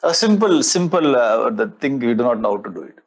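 A man in his sixties with a South Indian accent and a husky voice, lecturing on scripture as a spiritual teacher in a conversational way, often repeating phrases. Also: mid-range voice, big pitch swings, a little fast. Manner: conversational, repeats phrases, explains with everyday examples. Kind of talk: lecture explaining Sanskrit scripture. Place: indoor studio in front of a display board. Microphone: lapel mic.

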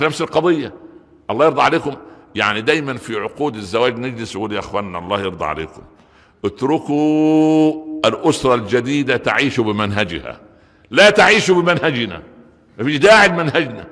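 A middle-aged man with an Egyptian Arabic accent giving a Friday sermon, animated, shifting between loud outbursts and quiet asides. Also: medium pitch. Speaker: preacher. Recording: reverberant hall.

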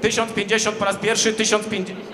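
A man's voice: high voice, level tone, quick pace, pushed and bright. A man working as an auctioneer, calling bids in a repetitive chant over a hall PA. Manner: auctioneer's chant, repeated bid calls. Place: large indoor sports hall, on stage. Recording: echoey hall PA with crowd noise.

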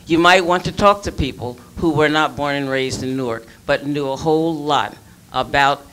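Woman, audience comment, earnest, emphatic, bright forceful tone. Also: sits low, moderate pace, poor audio.

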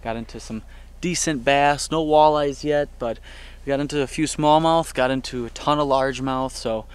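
Recorded on a camera mic, this casual vlog features a young camping vlogger speaking warmly and cheerfully from a small truck bed tent at an outdoor campsite. His voice is mid-range and clean, with a moderate pace.

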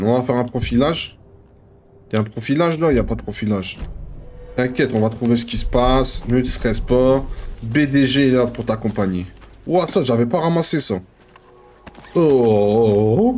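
A man streaming a video game, commenting in an excitable, slangy, joking way and talking to his viewers. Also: mid-range voice, a little hiss or hum. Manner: jumps to excited yelps. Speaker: gaming streamer. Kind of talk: excitable let's-play commentary.

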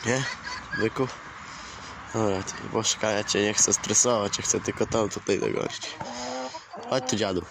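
A man's voice: fairly low pitch, moderate pace, long pauses. Chatty man filming his hens outdoors. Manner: chatty, swears casually, coaxes and scolds his hens. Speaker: poultry keeper vlogger. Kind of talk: casual outdoor vlog. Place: outdoor farmyard with chickens. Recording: outdoor camera audio, clear farmyard noise. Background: clucking hens and a crowing rooster.

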